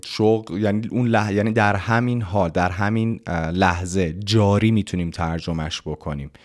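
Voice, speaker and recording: A man teaching English vocabulary in a casual lesson. He reads English sentences slowly, spells words out letter by letter and explains them in plain, chatty talk. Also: deep voice.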